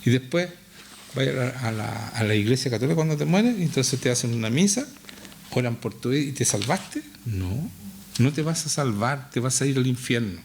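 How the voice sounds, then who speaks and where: A man's voice: mid-range voice, gravelly, slight background noise. A man with a Chilean accent preaching a sermon to a congregation in church, reading scripture aloud and pressing his listeners with rhetorical questions. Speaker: pastor.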